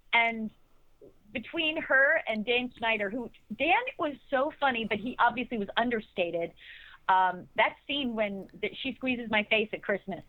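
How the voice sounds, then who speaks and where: A woman's voice: on the high side, fairly bright tone. A middle-aged actress answering interview questions, enthusiastic and rambling, often restarting her sentences. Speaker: actress guest. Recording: tinny phone-like line, dry.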